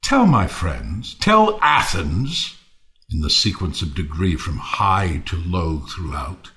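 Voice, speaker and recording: An actor playing Timon, a bitter, world-weary misanthrope, theatrically mournful and ranting in a Shakespearean audio play. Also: male voice, low voice, big pitch swings, slow, heavily acted. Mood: mock-kindly, bitter. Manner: theatrical, swinging from quiet to declaiming.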